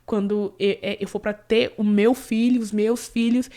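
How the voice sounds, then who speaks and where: A woman's voice: mid-range voice, fairly even intonation, a little slow, mellow. A woman, a guest telling a personal story in earnest, with many fillers and restarts. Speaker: interview guest, cleaning business owner. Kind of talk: emotional personal story in casual conversation.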